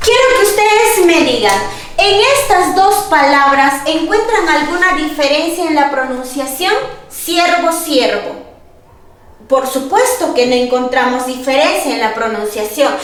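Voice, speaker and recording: A woman's voice: high-pitched, expressive, normal speed. A woman teacher giving a classroom grammar lesson, asking the class questions, answering them herself and repeating the key points. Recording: very echoey room, voice far from the mic.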